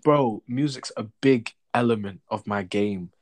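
A man's voice: lowish voice, a little slow, a little mellow. A young man with a London roadman accent, chatting casually and protesting in slangy, repetitive bursts. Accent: London, urban roadman slang style. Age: young adult. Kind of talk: casual banter chat.

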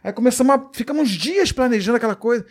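A Brazilian man, a comedian guest, telling a story in casual interview talk, profane and animated, acting out what people said. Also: extremely high pitch, rapid-fire. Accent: Brazilian Portuguese.

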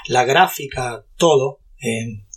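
Appearing as a guest in a casual interview, this Brazilian man in his fifties, a YouTuber and entrepreneur, talks at length about his story with plenty of fillers and restarts. He's spoken Portuguese from childhood but carries an Argentine Spanish accent. His husky voice is medium in pitch and slow.

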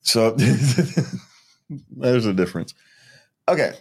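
A man's voice: mid-range voice, extremely slow, gravelly, husky. An older man co-hosting a podcast, chatting casually and laughing often. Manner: relaxed, joking, laughs often. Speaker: podcast co-host. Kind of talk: casual chat.

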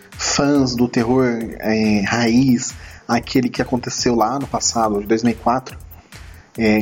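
A Brazilian man speaks as a podcast host over background music. His voice is hoarse and strained by throat trouble, sitting at a medium pitch. He talks casually and a bit haltingly, addressing his audience directly. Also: darkish tone. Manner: informal, hesitant, addressing listeners directly. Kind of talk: casual solo film review podcast talk.

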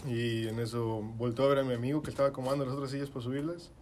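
A man's voice: mid-range voice, fairly even intonation, fast talker, a little hiss or hum. A young man with a Mexican accent telling a story to friends in casual, slangy chat full of swearing. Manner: slangy, swearing, acts out his own shouting in quotes.

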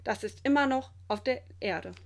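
A woman reading a children's storybook aloud in a lively, clear storytelling manner. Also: a little high, moderate pace. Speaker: storybook reader.

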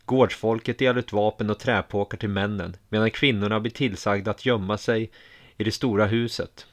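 A man narrating a first-person audiobook story in a calm, measured way. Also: fairly low pitch.

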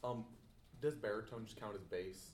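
A man's voice: lowish voice, fairly even intonation, moderate pace, darkish tone, roomy sound, slight background noise. A teenage boy chatting with classmates, earnestly explaining himself. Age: teens. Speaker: student. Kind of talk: casual chat.

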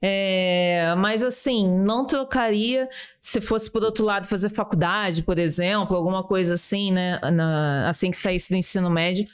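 A woman's voice: medium pitch, normal speed, clear, resonant tone. A woman of about thirty with a Brazilian Portuguese accent, chatting earnestly and casually as a podcast host, repeating words for emphasis. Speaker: podcast host, military exam course teacher.

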